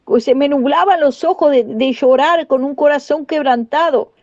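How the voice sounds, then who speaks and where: A woman's voice: sits high, normal speed, no echo. A woman preacher giving an emotional testimony sermon, fervent and repeating her phrases as she addresses the brethren. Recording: dull lo-fi audio.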